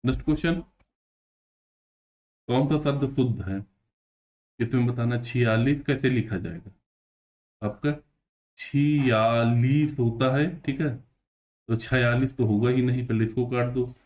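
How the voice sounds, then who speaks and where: A man walks students through spelling questions one by one. He explains each answer patiently and repeats the words slowly. At times he stretches them out syllable by syllable. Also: mid-range voice, darkish tone. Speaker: teacher. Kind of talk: exam-prep spelling lesson.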